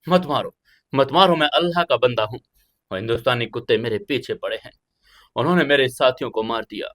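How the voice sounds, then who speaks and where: A man voicing an undercover soldier who poses as a desperate fleeing militant and shouts panicked pleas in an audio drama. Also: medium pitch, quick pace, natural voice. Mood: panicked pleading.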